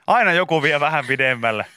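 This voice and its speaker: A man's voice: mid-range voice, sharp tone, no room sound, clean studio sound. A man co-hosting a casual morning radio chat, rambling and laughing often. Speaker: radio show co-host.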